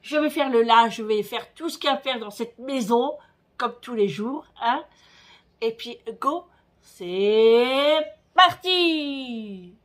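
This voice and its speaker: A fairly high-pitched woman talks to her viewers in a loose, rambling vlog style, full of fillers and little restarts. She sounds like she is chatting while doing chores around her kitchen at home. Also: lively intonation, takes it slowly. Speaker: vlogger. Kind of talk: casual home vlog chat.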